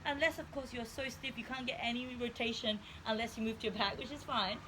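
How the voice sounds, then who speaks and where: High-pitched woman coaching stretches, noisy background. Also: fairly even intonation, a little fast. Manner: explanatory, step-by-step coaching. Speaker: stretch class instructor. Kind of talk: guided stretching workout instruction.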